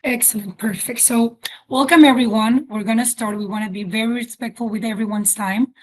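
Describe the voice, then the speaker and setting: Speaking briskly over poor audio, a Chilean-accented woman, a native Spanish speaker and her company's CEO, presents a webinar as host. Her explanations are informal and hesitantly phrased, delivered in a fairly high voice with fairly even intonation.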